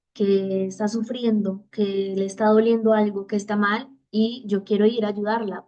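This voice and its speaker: A woman's voice: fairly high pitch, a little mellow, lo-fi sound. A woman giving a spiritual master class, speaking earnestly and reflectively from her own experience. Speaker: spiritual teacher.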